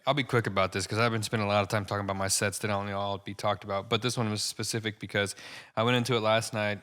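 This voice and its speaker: Bright, smooth-voiced young man rambling. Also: on the low side, little pitch movement, racing, big-room sound. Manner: rambling, many fillers and restarts, laughs at own jokes. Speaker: podcast co-host and stand-up comic. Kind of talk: casual chat.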